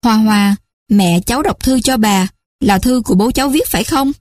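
A woman's voice: on the high side, moderate pace, a little mellow, no room sound, lightly acted. A woman doing a remorseful old grandmother. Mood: anxious. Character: elderly grandmother, remorseful and anxious.

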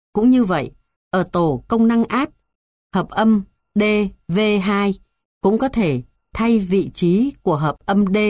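A woman reading a music theory textbook aloud in an even, measured way, going through numbered points. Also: mid-range voice, no room sound, studio quality. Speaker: textbook reader.

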